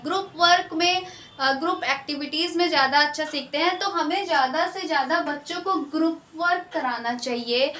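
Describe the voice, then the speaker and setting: A woman teacher with an Indian accent, giving an exam-prep lecture and slowly explaining key terms, repeating them and mixing in English words. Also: sits high, bright, forceful tone, echoey room, slight background noise.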